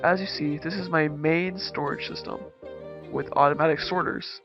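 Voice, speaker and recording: A man speaking through a voice changer as he hosts a relaxed, easygoing tour of his game world. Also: a little high, normal speed, creaky, highs cut off. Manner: laid-back, easygoing, talks while touring his builds. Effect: voice changer disguising his voice. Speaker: gaming channel host. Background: background music.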